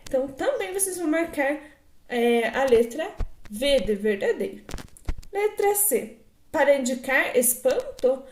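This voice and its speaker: A woman's voice: high-pitched, darkish tone, echoey room. A Brazilian woman teacher with a patient manner, explaining homework exercises and often adding tag questions. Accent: Brazilian Portuguese.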